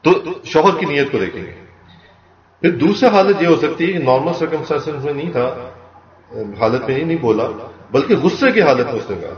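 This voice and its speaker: A man calmly teaching a religious law lesson, explaining step by step and repeating key points. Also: a little high, crowd noise. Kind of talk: explanatory lecture mixing Urdu and English terms. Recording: echoey, distant, dull lo-fi room recording.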